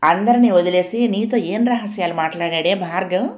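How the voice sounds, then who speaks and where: A woman doing a gentle sorrowful elder sister. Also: on the low side, moderate pace, close to an everyday voice. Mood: tender. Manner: soft, affectionate. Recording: roomy echoey home recording.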